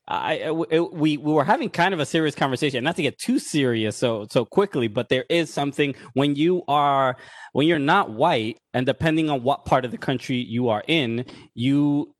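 A man who co-hosts a casual chat and talks thoughtfully, with many halting restarts. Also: medium pitch, no echo, clean studio sound. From New York. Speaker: podcast co-host.

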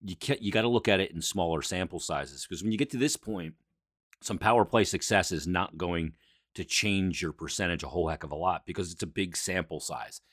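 A man's voice: deep voice, a little fast, a bit bright, no echo, clean studio sound. A man hosting a sports podcast, giving a conversational, explanatory solo recap with emphatic asides.

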